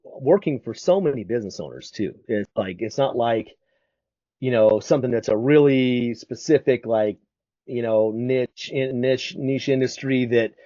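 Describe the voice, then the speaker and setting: Mellow-voiced rambling male podcast host. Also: medium pitch, normal speed, no echo, highs cut off. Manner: rambling questions with many fillers. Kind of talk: casual interview chat.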